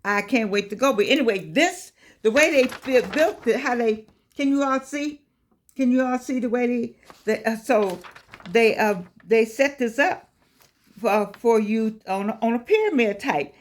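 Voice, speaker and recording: A woman's voice: on the high side, animated, unhurried, slight background noise. A woman, giving a folksy, preachy motivational talk, repeating phrases and calling listeners baby. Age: 80s. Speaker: life coach vlogger. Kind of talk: casual motivational talk to camera.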